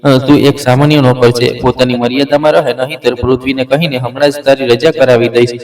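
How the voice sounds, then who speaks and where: A man's voice: mid-range voice, flat delivery, fairly quick, darkish tone, natural voice. A man voicing a scheming young mistress in a dramatized story, taunting in a sugary, manipulative way. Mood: threatening. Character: scheming, sly young mistress with a poisonous sweetness. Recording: roomy, distant mic.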